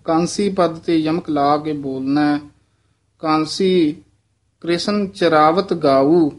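Male recitation teacher, slightly high voice, slow and deliberate, models phrases and corrects pauses. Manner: slow, careful modeling of phrasing, then quick explanatory asides.

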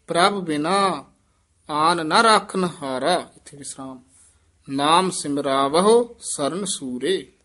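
A man teaching scripture recitation, reading lines slowly and carefully, then adding quick, quiet corrections on pronunciation and pauses. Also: fairly high pitch. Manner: slow, careful recitation, then quick soft explanatory asides.

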